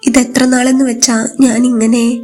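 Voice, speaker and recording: A woman voicing a bedridden young wife who speaks softly and haltingly, pleading through tears. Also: on the high side, level tone, faint music behind. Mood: tearful plea.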